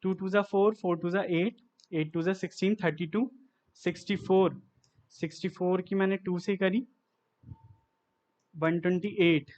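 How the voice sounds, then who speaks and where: A man's voice: sits high, fairly even intonation, a little slow, long pauses, darkish tone. Man working sums aloud, lo-fi. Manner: works sums aloud step by step, often asking and answering himself. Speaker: maths teacher. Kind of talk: blackboard maths lesson.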